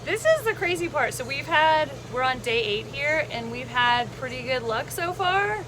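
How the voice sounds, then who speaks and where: A woman telling a casual vlog story with a sarcastic lilt, chatty and animated. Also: sits high, moderate pace. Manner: sarcastic lilt, playful mock enthusiasm. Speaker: travel vlogger. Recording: noisy vehicle ambience behind voice.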